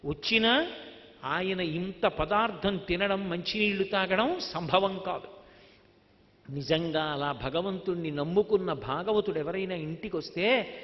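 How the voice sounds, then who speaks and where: High-voiced man giving an emphatic sermon. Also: measured pace. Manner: emphatic storytelling, chants verses. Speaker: spiritual speaker. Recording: reverberant hall, dull lo-fi sound.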